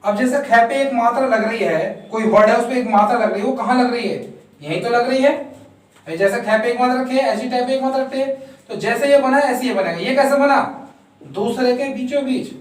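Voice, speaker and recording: A man's voice: very high-pitched, brisk. A man teaching a shorthand lesson step by step, counting out strokes and answering his own questions. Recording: very echoey room, voice far from mic.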